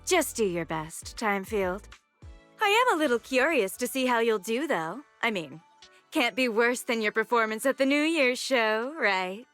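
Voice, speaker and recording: Anime game rich-girl heiress: bright, highish, snooty, condescending, fake-polite. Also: lively intonation, normal speed, soft background music. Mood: smug, disdainful. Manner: snobbish chaebol-heir air, condescending, mockingly polite. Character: haughty rich young heiress, sorority president, mean classmate.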